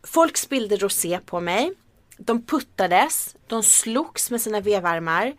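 A woman's voice: medium pitch, sing-song, no room sound. Drily exaggerating woman, close dry sound. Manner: dry, hyperbolic humour. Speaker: music journalist and critic. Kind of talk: casual chat, anecdotes.

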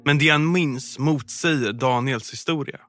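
A man reading a scripted true-crime story in a calm, measured way as a podcast narrator. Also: mid-range voice. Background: music.

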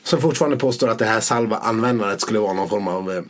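A man co-hosting a casual podcast chat, rambling, laughing often and swearing casually. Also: lowish voice. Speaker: podcast co-host.

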